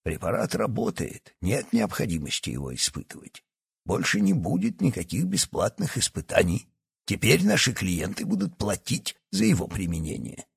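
A man's voice: fairly low pitch, wildly swooping pitch, moderate pace, creaky, breathy edge, dry recording, studio quality, full character voice. A man voicing a scheming old doctor who is secretly a villainous professor, speaking in a condescending, sly way in an audiobook. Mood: cold. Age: over 60. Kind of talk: audiobook character acting.

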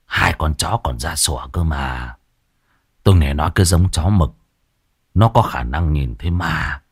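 A man voicing a frightened old village man who stammers in a low, uneasy voice. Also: unhurried, breathy edge, dry recording, studio quality, full character voice. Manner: stammering, fearful.

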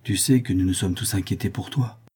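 A man voicing a caring, practical friend who speaks in a reassuring, brisk way in a read-aloud story. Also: sits low, darkish tone, husky.

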